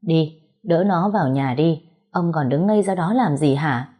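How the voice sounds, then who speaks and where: A woman voicing an older village mother-in-law who scolds and shrieks abuse, with a husky voice. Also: sits low, normal speed, warm tone. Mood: scolding.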